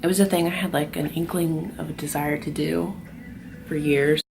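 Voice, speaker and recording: Gravelly low-voiced young woman, half-whispering. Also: steady tone, normal speed, over music, poor audio. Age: young adult. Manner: soft-spoken, half-whispered, swears casually. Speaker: vlogger. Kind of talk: casual confessional talk. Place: group home at night, indoors.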